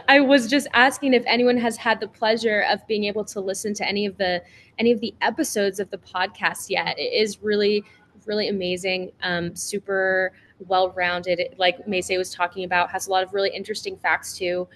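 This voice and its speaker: A woman's voice: medium pitch, steady tone, a little fast, a bit bright. Upbeat woman moderator on a video call, chatty with fillers, light hiss behind her. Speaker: panel moderator. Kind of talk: virtual panel discussion.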